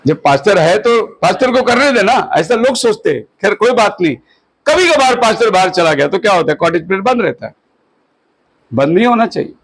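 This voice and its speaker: A high-pitched man in his fifties gives a sermon at a house prayer meeting. He exhorts his listeners steadily and stretches out the English phrases he slips in. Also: lively intonation, husky, poor audio. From India. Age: 50s. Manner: exhorting, mixes English phrases and slows on them. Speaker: pastor.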